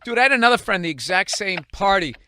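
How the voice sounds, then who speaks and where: A male podcast host telling stories bluntly and with plenty of profanity. His voice is high and lively and has a sharp, bright tone. The recording is dry and close. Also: fast talker, a little hiss or hum. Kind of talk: casual conversation.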